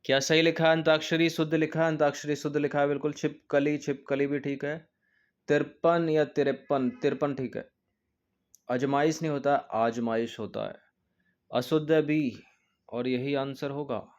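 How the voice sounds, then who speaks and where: Man calmly explaining exam answers. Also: on the high side, a little fast, muffled recording. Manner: explains step by step, repeats answers for emphasis. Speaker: exam coaching teacher. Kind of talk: test-paper walkthrough lesson.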